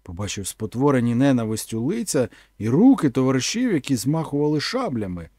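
A man narrating an adventure audiobook in an expressive, dramatic reading style. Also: medium pitch, a little fast, no room sound, clean studio sound.

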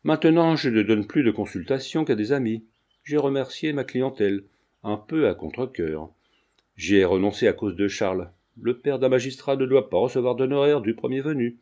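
A man's voice: mid-range voice, normal speed, mellow, natural voice. A man voicing a jovial, sententious old retired lawyer in his sixties, bantering and lecturing at the dinner table. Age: 60s.

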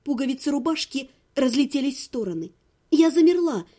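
A woman with a high voice briskly reads a first-person audiobook. Her narration is even and expressive, in a storytelling style.

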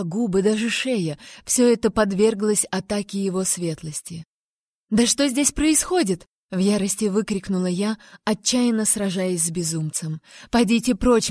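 A woman's voice: medium pitch, darkish tone, no echo. Woman narrating an audiobook, dry sound. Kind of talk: first-person fantasy romance narration.

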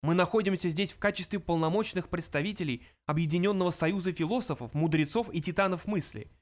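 A man's voice: sits high, fast, voice pushed up, natural voice. A testy, self-important older philosopher who lectures with strained authority, as a man puts him on in an audiobook. His voice sits somewhat above the narrator's own and stays on edge. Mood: irritable. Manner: irritable, pompous. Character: irritable older male philosopher, pompous spokesman.

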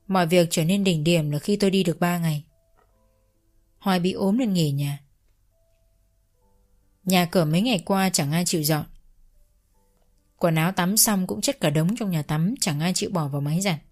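A woman narrates a domestic drama in the first person at a steady storytelling pace. Soft music plays faintly behind her voice. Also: fairly low pitch, moderate pace, long pauses.

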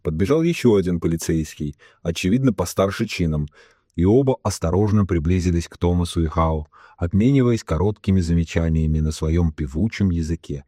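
A man's voice: low voice, mellow, breathy edge, no room sound, clean studio sound. A man reading a novel aloud as a narrator, giving the characters' lines in his own voice with little change. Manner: reads all characters himself, slowing for solemn quotes. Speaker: audiobook narrator. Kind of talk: scripted narration.

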